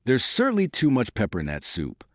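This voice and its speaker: A man's voice: mid-range voice, huge pitch swings, a little fast, dry recording. A man reading aloud and voicing a polite, curious young girl in a raised, earnest, questioning tone.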